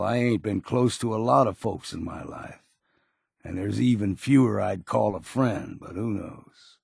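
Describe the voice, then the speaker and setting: An actor playing a gruff, stubborn old seafarer in a video game, with a gravelly, raspy voice and a plain-spoken, folksy, weary but loyal manner. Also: male voice, fairly low pitch, darkish tone, dry recording, studio quality, exaggerated voice. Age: older. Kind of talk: video game character dialogue.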